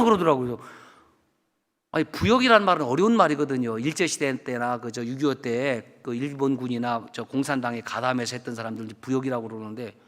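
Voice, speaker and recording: A man, a guest pastor, preaching a storytelling sermon about his own experiences and acting out the dialogue, jumping between loud bursts and quiet asides. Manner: animated, acts out dialogue and swings between loud outbursts and low asides. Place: church sanctuary. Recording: long church hall reverb.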